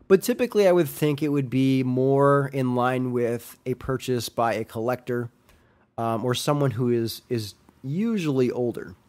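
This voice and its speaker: A young adult man with a medium-pitched, darkish voice hosts a casual solo podcast, rambling along with lots of ums and restarts. He sounds slightly nasal and congested from a sinus infection.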